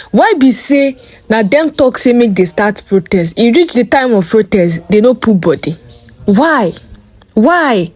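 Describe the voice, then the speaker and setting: A woman's voice: fairly high pitch, darkish tone, no echo. A woman with a Nigerian accent talks in casual Pidgin commentary. She is emphatic and throws out rhetorical questions. The sound is very dry, with hardly any room to it.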